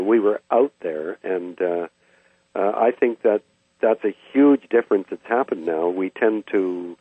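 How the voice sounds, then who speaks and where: An older man from Canada, thoughtfully reminiscing about his childhood with frequent pauses and hesitations. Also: lowish voice, slightly rough, no room sound. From Vancouver, Canada. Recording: dry, tinny phone-like sound.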